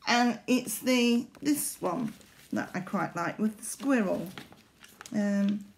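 A middle-aged woman chats casually to the camera at a slow pace. Her voice sits at an average pitch, and she talks in a hesitant, rambling way. She is recorded indoors at arm's length in a small living room. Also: creaky, slight background noise. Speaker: needlework vlogger.

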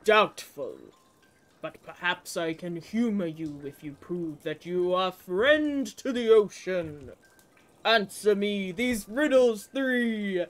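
A woman voicing a proud, distrustful giant male sea serpent with a slow, loud, booming delivery while reading game dialogue. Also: animated. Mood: suspicious.

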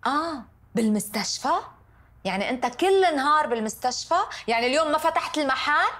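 A woman's voice: high-pitched, lively intonation, fast talker, fairly bright tone. A woman in a dubbed TV drama, speaking in an upset, complaining way.

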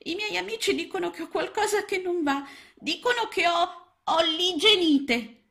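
A woman voicing a small, timid young boy frog who is fussy about staying clean, in a high, childlike, plaintive voice. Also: moderate pace, vocal fry, fairly bright tone, exaggerated voice. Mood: earnest plaintive.

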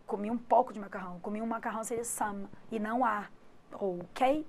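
A woman's voice: medium pitch, a little fast, slight background noise. A Brazilian woman teaching an English grammar lesson online, explaining step by step and checking in with frequent tag questions. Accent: Brazilian Portuguese. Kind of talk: online exam-prep lesson.

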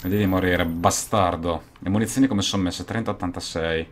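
A young man giving gameplay commentary as a gaming YouTuber, excitable and swearing, now and then bursting into shouts. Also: sits low, brisk.

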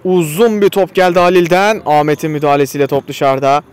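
A football commentator calls live play-by-play in short, clipped phrases, naming players as he goes. His slightly high voice is brisk and clean, and he raises it excitedly for shots and goals.

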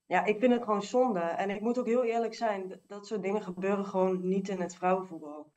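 A woman giving earnest interview answers in a halting way. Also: medium pitch, a little mellow, muffled recording. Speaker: guest, technical manager. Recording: voice distant from mic.

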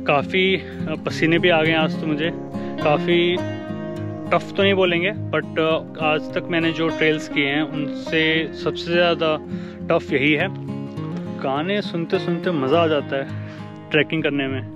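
A hiking vlogger, a man in his thirties from India, casually narrates his walk along a forest trail, talking to viewers like friends through an action camera. His voice is fairly high and steady, unhurried, with lo-fi sound and guitar music in the background.

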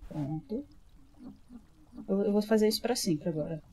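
A woman's voice: mid-range voice, moderate pace, mellow, breathy edge. Jumpy, swearing woman gamer. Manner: jumpy, swears a lot, frequent startled yelps. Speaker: gamer streamer. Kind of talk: horror game let's play commentary.

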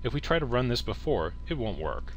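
In a mid-range, very animated voice, a man narrates a step-by-step software tutorial at a fairly quick pace, speaking plainly and directly to the viewer. A faint hiss or hum sits under the audio.

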